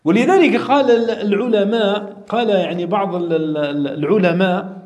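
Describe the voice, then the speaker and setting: Lively-voiced Maghrebi sheikh teaching in an echoey room. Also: male voice, high voice. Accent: Maghrebi Arabic. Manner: repeats key words, drawn-out emphasis, asks the audience questions. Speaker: Islamic teacher explaining hadith. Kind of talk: religious lesson commentary.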